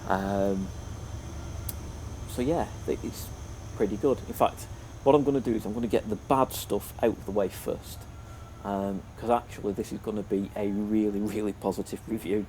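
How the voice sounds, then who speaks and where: A man's voice: fairly low pitch, fairly even intonation, normal speed, dark tone. A British man with a sniffly, congested cold, giving a casual, hesitant, unscripted review as a presenter. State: has a cold. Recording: noticeable background noise.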